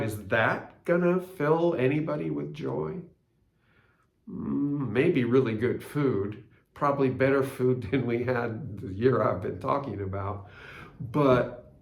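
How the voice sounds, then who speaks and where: An older man hosting a casual spoken reflection, telling a story in a chatty way and asking rhetorical questions. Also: medium pitch. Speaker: blog host. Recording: roomy echo.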